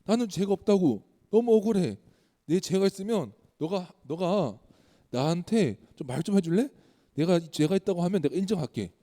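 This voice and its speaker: Man doing Job, aggrieved older man, protesting innocence, mellow high voice, church-hall reverb. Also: expressive, normal speed. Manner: protesting, pleading.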